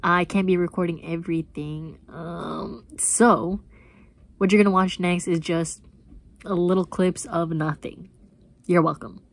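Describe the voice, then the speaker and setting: A woman's voice: lowish voice, fairly even intonation, a little slow. A woman in her twenties chatting casually and playfully to a phone held at arm's length. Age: 20s. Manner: playful, joking. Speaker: vlogger and caregiver friend. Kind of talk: casual vlog chat. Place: car and small home rooms.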